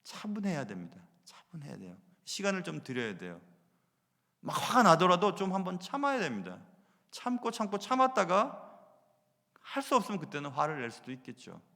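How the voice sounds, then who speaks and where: A man preaching a sermon as pastor, animated, moving between loud emphasis and hushed asides. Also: high voice, normal speed, creaky, long pauses. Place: church sanctuary. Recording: long reverb of a church hall.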